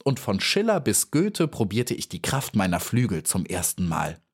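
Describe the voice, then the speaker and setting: A man's voice: wildly swooping pitch, moderate pace, slightly rough, full character voice. A man voicing a cheeky, boastful little female housefly in a storybook reading, cocky and dismissive. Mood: huffy, chatty. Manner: cocky and dismissive, then shrill and pleading.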